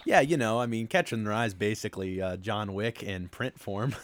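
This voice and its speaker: A man co-hosting a casual movie-review podcast, rambling with lots of ums and quick laughs. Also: fairly low pitch. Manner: laughs often, rambling with many ums and uhs. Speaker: podcast co-host.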